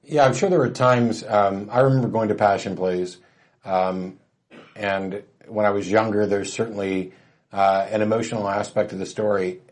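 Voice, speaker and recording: A man hosting a call-in show, telling stories in a wry, relaxed way with plenty of fillers, turning emphatic when he argues a point. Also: lowish voice, normal speed. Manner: grows emphatic and lively when arguing. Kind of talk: casual call-in talk.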